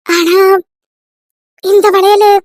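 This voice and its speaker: An anxious young wife in a cartoon story, voiced by a woman, very high-pitched and pleading, with a flat, insistent line. The read is dry and close, with no room sound. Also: drawn-out words, no echo, exaggerated voice. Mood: tender. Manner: pleading, repeating questions over and over.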